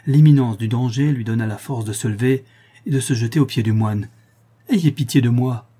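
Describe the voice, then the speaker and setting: A man narrating an audiobook in a measured, dramatic storytelling manner. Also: medium pitch, dark tone, breathy edge. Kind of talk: scripted narration of a gothic novel.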